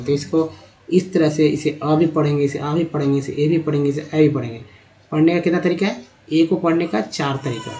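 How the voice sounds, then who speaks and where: A man teaching beginners to read, spelling out letters slowly and repeating each word. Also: fairly high pitch, mellow, a little hiss or hum. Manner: addresses viewers as friends, asks and answers his own questions. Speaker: English reading teacher. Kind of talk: explanatory lesson for beginners.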